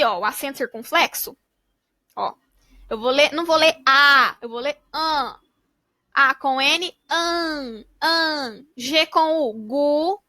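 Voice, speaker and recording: High, bright-voiced woman teacher. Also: no room sound, clean studio sound. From Brazil. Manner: slow, syllable-by-syllable reading. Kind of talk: spelling out syllables for young pupils.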